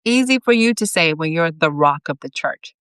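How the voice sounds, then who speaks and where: A weary, regretful man, baffled and full of questions, voiced by a woman reading aloud. The pitch swings widely from low to high, and the recording is dry and close. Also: lively intonation, normal speed, a bit bright, smooth, no room sound. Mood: puzzled. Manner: puzzled and questioning. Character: weary, regretful grown man, confused newcomer.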